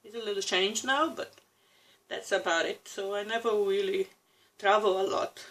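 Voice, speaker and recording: With a steady tone and medium pitch, this Brazilian vlogger in her thirties speaks reflectively to camera about personal things in her Brazilian Portuguese accent. She laughs softly and often pauses or starts over. The recording is rough.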